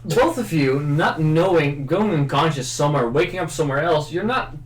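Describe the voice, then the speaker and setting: In an echoing indoor room during a group game livestream, a man narrates a tabletop roleplaying game as its game master. His voice is a little high and animated, moving at a moderate pace, and the recording has a roomy, echoing sound.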